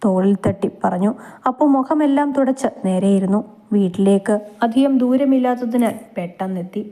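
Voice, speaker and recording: Woman reading a love story out loud, soft and steady, warm mellow voice. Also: medium pitch, moderate pace. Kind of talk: reading a romantic story aloud.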